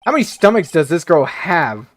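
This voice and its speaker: A man's voice: a little high, sing-song, normal speed, voice pushed up. A man voicing a put-upon young male lawyer who makes dry, sarcastic asides.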